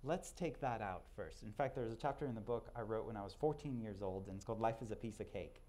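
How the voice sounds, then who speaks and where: A man's voice: on the low side, darkish tone. Man from Israel giving a casual talk. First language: Hebrew. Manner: conversational, self-deprecating, halting restarts. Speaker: speaker. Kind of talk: talk to a live audience.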